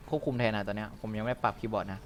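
A man's voice: fairly low pitch, fairly even intonation, racing, soft background music. A man giving casual commentary over a video game he is playing. He is chatty and polite, and he jokes around by ad-libbing lines for the characters. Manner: chatty and polite, ends phrases with courteous particles. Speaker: gamer hosting a let's play channel.

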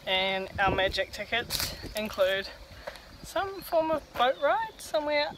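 A woman's voice: on the high side, very animated, takes it slowly. A young woman in her twenties chatting wryly to a phone held at arm's length while touring outdoors in a river gorge. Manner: chatty, wry asides. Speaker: travel vlogger. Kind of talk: casual travel vlog to camera. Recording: outdoor noise behind voice.

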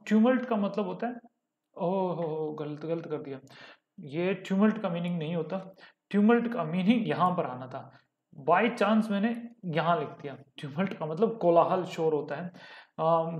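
A man teaching English vocabulary with memory tricks, explaining step by step and slowly repeating key words. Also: high voice, darkish tone, reverberant, highs cut off.

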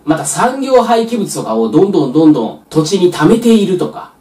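A woman's voice: lowish voice, big pitch swings, fairly quick, warm tone. A woman tutor giving a patient, step-by-step explanatory lecture for a real estate exam. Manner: patient, step-by-step, frequent filler "まあ". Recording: roomy echo, distant mic.

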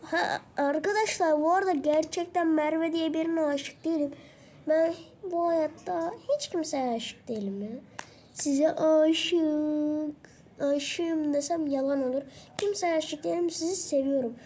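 A woman's voice: sits high, a little slow, a little mellow, slight background noise. A young woman talking playfully to her viewers between comedy sketches. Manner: playful, chatty. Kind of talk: casual talk to viewers.

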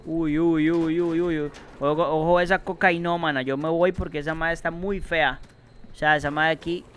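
A young man giving excitable, swear-filled commentary while streaming a game, yelling when scared. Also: a little high, normal speed, a little hiss or hum. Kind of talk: let's play commentary.

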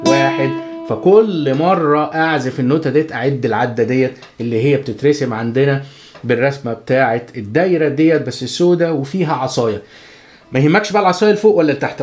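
Fast-talking Egyptian man teaching guitar. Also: fairly high pitch, darkish tone. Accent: Egyptian Arabic. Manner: chatty, jokey, counts beats aloud. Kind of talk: casual spoken music lesson.

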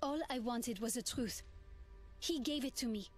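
A woman's voice: on the high side, moderate pace, close to an everyday voice. A woman playing an earnest, distrustful young woman in a video game, with emotional, accusing delivery. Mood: hurt, accusing. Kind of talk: video game character acting. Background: music.

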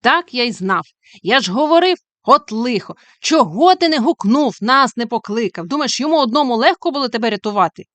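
A woman reading a storybook, voicing a young village boy who loudly scolds his friend in quick bursts. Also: fairly high pitch, animated, dry recording, voice pushed up. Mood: scolding. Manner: shouting reproaches in quick bursts.

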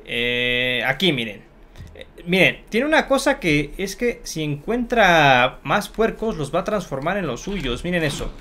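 A young man giving excited Minecraft gameplay commentary, shouting and pleading at the game and talking to his viewers. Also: a little high, measured pace, slight background noise. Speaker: gaming youtuber.

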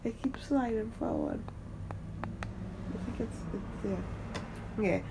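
A woman's voice: on the high side, takes it slowly. Rambling woman vlogging on a noisy phone. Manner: rambling, many fillers, laughs easily. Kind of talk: casual vlog chat. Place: relative's home, indoors. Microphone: phone on a monopod held a bit away.

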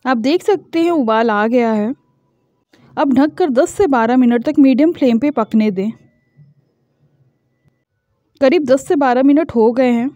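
A woman, the host of a cooking channel, calmly explaining each step of a recipe in a home-kitchen voice-over. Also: high-pitched, normal speed, no echo. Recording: dull lo-fi voice-over.

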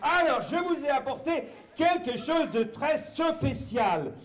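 A man's voice: very high voice, sing-song, slow. A man performing as a clown for a children's audience, playful and exaggerated, full of cries and banter with the crowd. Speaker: clown entertainer. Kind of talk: live clown show for children. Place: hall with a live audience. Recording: echoey hall, noisy crowd. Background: children's audience, clapping and chatter.

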